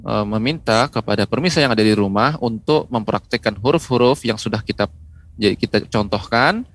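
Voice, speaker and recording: A man teaching Quran letter pronunciation on a TV lesson, patiently repeating syllables and tagging his phrases with "ya". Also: on the low side. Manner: patient, repeats syllables slowly with frequent "ya" tags. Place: TV studio.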